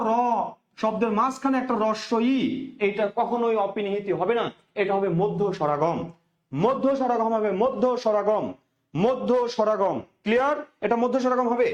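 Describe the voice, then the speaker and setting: High-voiced man teaching in an echoey room. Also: muffled recording. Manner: repeats key points, asks and answers his own questions. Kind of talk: exam revision lecture.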